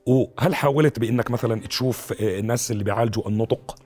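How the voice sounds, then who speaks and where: A man hosts a TV talk show in Levantine Arabic, speaking very quickly at a medium pitch. He presents and puts questions to guests. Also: a little mellow. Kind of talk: presenting and interviewing. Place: TV studio. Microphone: lapel.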